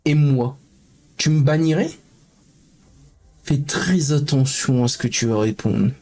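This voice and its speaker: A man live streaming, chatting casually with his viewers, joking in mock indignation and sometimes turning low and downbeat. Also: slow pace, dark tone. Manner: talkative, jokey mock-indignation, mumbling and downbeat at times.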